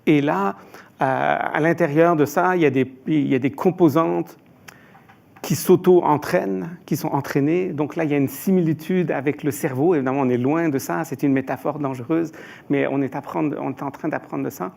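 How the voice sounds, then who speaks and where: A man's voice: fairly high pitch, fairly even intonation, normal speed, gravelly, darkish tone. A man from Iran answering as an expert panelist, hesitant, with frequent filler sounds and restarts.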